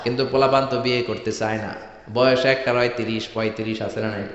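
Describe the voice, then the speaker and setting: A man preaching a sermon with a Bangladeshi Bengali accent, rousing the crowd and swinging between loud calls and soft asides. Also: mid-range voice, fairly even intonation, quick pace. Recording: echoey hall, dull sound.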